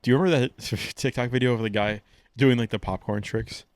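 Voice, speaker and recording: A man's voice: mid-range voice, fairly even intonation, brisk, no echo. A man co-hosting a podcast, teasing his friend and asking questions in casual chat. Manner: teasing, asks lots of questions. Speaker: podcast co-host.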